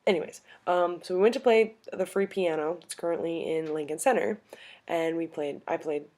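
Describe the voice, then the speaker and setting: A woman's voice: on the low side, steady tone, normal speed, darkish tone. A woman in her twenties from upstate New York, rambling through a casual storytelling vlog. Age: 20s. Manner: rambling, many fillers and restarts. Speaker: vlogger.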